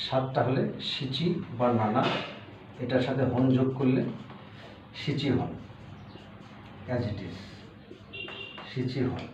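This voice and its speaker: A man teaching a language lesson, patiently repeating each word and explaining step by step. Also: mid-range voice. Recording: roomy, distant, dull lo-fi audio with faint hiss.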